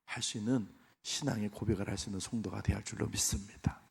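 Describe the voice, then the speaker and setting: A man's voice: fairly low pitch, steady tone, quick pace, creaky, slightly rough. A male pastor preaching a Sunday sermon, speaking emphatically and directly to his congregation. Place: church sanctuary. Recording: long church hall reverb.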